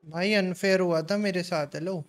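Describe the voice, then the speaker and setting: A man streaming a role-play game session, chatting and arguing in character, cursing freely and breaking into excited shouts. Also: sits high, normal speed, a little hiss or hum. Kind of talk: casual in-character game chat.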